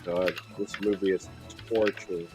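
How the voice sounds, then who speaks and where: A man's voice: low voice, little pitch movement, a little slow, music in the background. Teasing man on a live stream. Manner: teasing, laughing. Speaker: co-host of a live riff stream. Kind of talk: casual banter.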